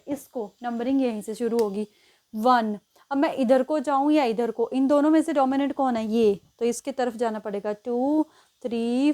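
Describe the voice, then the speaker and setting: High-voiced woman teaching chemistry. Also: warm tone. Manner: explains step by step, counts positions aloud, often checks with "ठीक है". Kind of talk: exam-prep lesson at a board.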